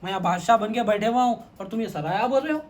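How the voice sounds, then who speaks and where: A man's voice: high-pitched, close to an everyday voice. A man voicing a proud, hot-tempered king who boasts indignantly of his royal lineage, within a spoken story.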